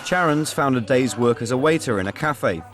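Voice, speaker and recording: Measured male documentary narrator. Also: medium pitch, expressive, very noisy.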